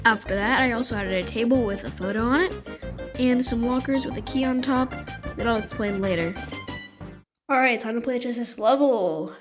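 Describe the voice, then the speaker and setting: At normal speed and pitched on the high side, a female video creator and game level builder casually narrates her gameplay using gamer slang. Music sits under her voice throughout.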